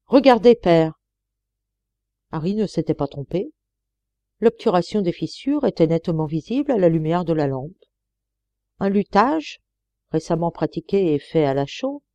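A woman reads a classic adventure novel aloud in steady, measured storytelling. Her voice is mellow and warm, never sharp. The recording is close and dry. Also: on the low side, dry recording, muffled recording. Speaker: audiobook reader. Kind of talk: scripted audiobook narration.

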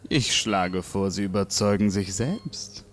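An actor playing a menacing, sardonically polite mad scientist professor in a German audio drama, with hammy, stagy theatrical delivery. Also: male voice, low voice, slow, fairly bright tone. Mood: smugly menacing.

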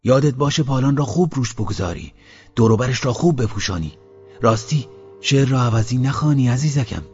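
A man's voice: mid-range voice, expressive, a little mellow, soft background music, voice pushed up, close to an everyday voice. A man voicing a poor village father who talks in a raised, urgent voice. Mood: calling out. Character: poor village father, hopeful then bitter. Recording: dull lo-fi audiobook recording.

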